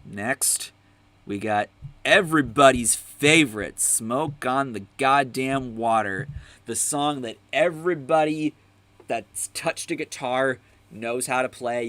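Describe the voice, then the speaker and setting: A man's voice: medium pitch, a bit bright, no echo. A young man hosting a casual music tier-list chat, rambling and enthusiastic, full of fillers, swearing now and then. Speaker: host.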